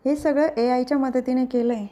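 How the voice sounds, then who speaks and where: A woman's voice: high voice, fairly even intonation, normal speed, dark tone, natural voice. Earnest young husband in a serial recap read by a woman.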